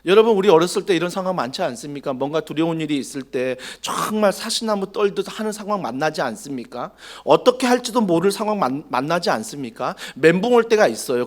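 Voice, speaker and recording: Male pastor, lively high voice, dramatic sermon delivery in a church. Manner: dramatic, acts out quoted dialogue, asks the congregation questions.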